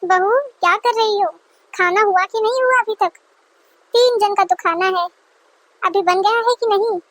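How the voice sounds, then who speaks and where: A woman voicing a nagging, quick-tempered middle-aged mother-in-law who scolds sarcastically, in a dry close recording. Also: very high voice, a bit bright, no echo. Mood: scolding.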